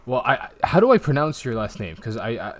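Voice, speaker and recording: A man hosting a casual artist interview, speaking haltingly with lots of restarts. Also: mid-range voice, very animated, fairly bright tone. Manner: halting, full of fillers and restarts. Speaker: host of artist talks.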